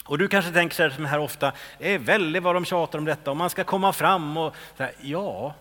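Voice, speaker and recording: Male pastor, high bright voice, sermon that swings from hushed to shouted, in a reverberant church hall. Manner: swings between hushed whispers and loud calls.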